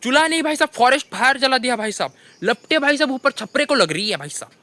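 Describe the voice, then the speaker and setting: A young man with a Hindi accent tells comic stories of his kitchen mishaps, constantly saying "bhai sahab" in an animated monologue. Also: very high-pitched, fast, dry recording. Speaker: comedian telling funny stories. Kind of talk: stand-up storytelling monologue.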